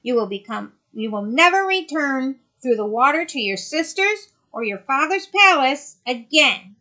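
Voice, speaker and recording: A woman voicing a cruel, mocking old female sea witch in a storybook reading, loud, high and gloating. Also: very animated, measured pace, heavily acted.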